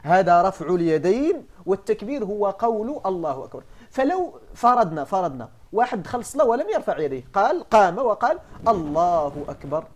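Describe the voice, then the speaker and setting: A Moroccan-accented man teaching a religious law class in a brisk, quick delivery. His voice is very animated and rises and falls widely. He keeps checking that his students are following. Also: high-pitched. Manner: animated explaining, often checking the class understands. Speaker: sheikh teaching Maliki jurisprudence.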